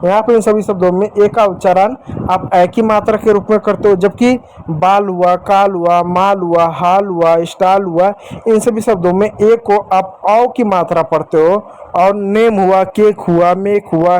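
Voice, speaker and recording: High-voiced man teaching to children. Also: a little mellow. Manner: addresses children directly, repeats points, asks questions. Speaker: English teacher. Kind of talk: classroom-style lesson for children.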